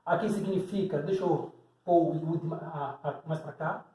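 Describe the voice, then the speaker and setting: A man's voice: on the high side, fairly even intonation, normal speed, mellow. A man from Salvador, Bahia, preaching a teaching sermon, explaining symbols on a board step by step and posing rhetorical questions. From Salvador, Bahia, Brazil. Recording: echoey room.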